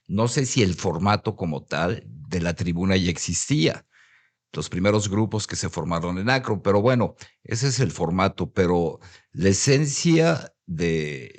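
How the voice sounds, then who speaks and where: A man, a guest, speaking reflectively with some hesitant fillers. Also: low voice. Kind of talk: conversational discussion.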